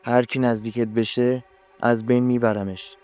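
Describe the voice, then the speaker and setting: Possessive young jinn woman, soft and threatening, read by a male narrator. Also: mid-range voice, little pitch movement, soft background music, natural voice.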